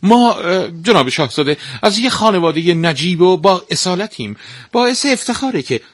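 A man voicing a flattering, scheming stepmother in a spoken storybook tale, fussing and gushing over a prince. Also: on the low side, husky, no echo, clean studio sound, voice pushed up, heavily acted. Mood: fawning, flustered. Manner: fawning, gushing, interrupts herself.

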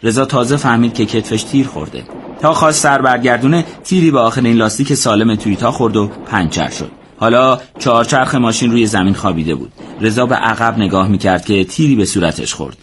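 A man narrating a war story as scripted audiobook narration, in a steady, measured way. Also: mid-range voice, a little hiss or hum.

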